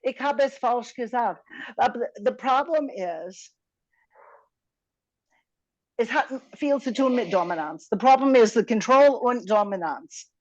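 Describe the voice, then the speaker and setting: A woman therapist talks through a case study with colleagues, mixing English into her German and restarting sentences as she goes. Her voice sits a little high, and the recording is dry and muffled. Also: animated, no room sound. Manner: mixes English into halting German. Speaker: therapist in a journal club. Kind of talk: casual discussion.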